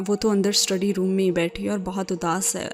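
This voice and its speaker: A woman voicing a soft-hearted middle-aged aunt in a storybook reading, gentle and rueful. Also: medium pitch, little pitch movement, faint music behind, natural voice.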